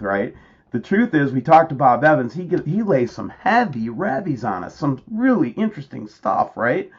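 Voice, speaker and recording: A man hosting his own channel, talking loosely and casually to viewers about pictures, calling them man and guys. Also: mid-range voice. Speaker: channel host. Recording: dull lo-fi sound.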